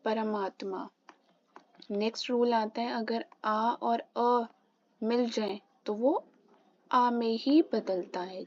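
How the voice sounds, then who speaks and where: A woman's voice: on the high side, highs cut off. A woman teaching a Hindi grammar lesson for exam preparation. She works through examples and answers her own questions.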